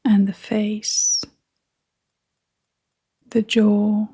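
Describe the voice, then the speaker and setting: Gentle and pausing long between lines, a woman leads a guided meditation. She uses a soft, breathy, half-whispered voice of medium pitch with a flat delivery.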